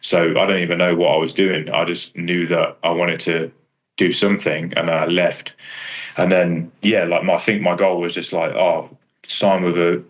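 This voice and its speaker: A deep-voiced Englishman, a kickboxer and striking coach, chats casually in an interview about his own career. He rambles in an understated, self-deprecating way, with little pitch movement and a moderate pace.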